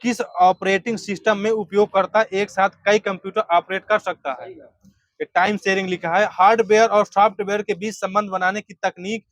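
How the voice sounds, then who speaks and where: A man teaching a class, firing quiz questions at students and briskly confirming or correcting their answers. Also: high voice, level tone, a bit bright, no room sound.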